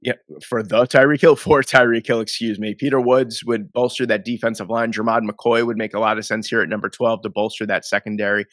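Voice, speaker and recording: Here a man with a lowish, level, fairly bright voice talks fairly quickly, rambling through casual football draft commentary as host while nasal and sniffly from a cold. He is conversational and self-correcting, captured in a dry, clean studio recording.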